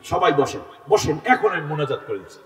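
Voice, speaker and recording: A man preaches an Islamic sermon to a large gathering. He swings between loud exhortation and low asides. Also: sing-song, quick pace. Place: large open-air religious gathering. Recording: echoey hall sound from far off.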